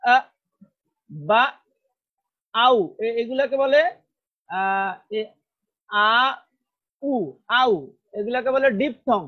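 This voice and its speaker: A man's voice: very high voice, lo-fi sound. A man with a Bangladeshi accent teaching a classroom pronunciation lesson, repeating each word several times. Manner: slow, repeats words many times, drills sounds. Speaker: English teacher.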